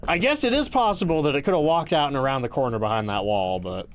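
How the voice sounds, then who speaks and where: A man's voice: mid-range voice, animated, fast. A man streaming a horror game, chatting casually with viewers and musing to himself as he plays.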